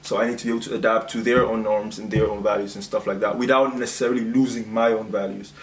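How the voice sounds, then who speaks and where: A young man from Cameroon hosts a video discussion, chatting casually and explaining his views informally. His lowish voice is flat and fast, recorded in an echoey room with some background noise.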